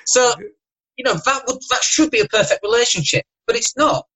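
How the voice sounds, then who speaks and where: A man's voice: extremely high pitch, animated, bright, forceful tone, low-quality recording. A man with a Northern English accent and a slight lisp, talking emphatically and motivationally as a podcast guest. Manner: emphatic, motivational, rapid asides. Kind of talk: casual podcast chat.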